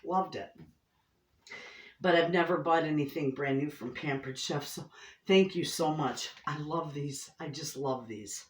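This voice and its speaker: A woman's voice: sits low, unhurried. Woman, middle-aged, Michigan inland accent; folksy homestead vlogger chatting casually, picked up at a distance in a roomy space. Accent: Inland Northern American (Michigan). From Michigan, United States. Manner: folksy, effusive, repeats herself. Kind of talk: casual chat to camera. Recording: roomy echo, distant microphone.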